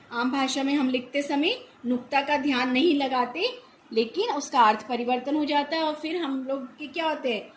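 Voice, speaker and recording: High-voiced woman teaching children patiently. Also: reverberant, slight background noise. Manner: patient, explains slowly, calls pupils "beta". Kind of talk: school lesson for children.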